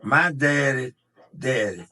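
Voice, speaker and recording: Here a nonagenarian grandfather rambles through casual stories for his grandson, circling back over words and beginning his sentences again. The voice is mid-range and expressive, slow-moving, with a sharp tone.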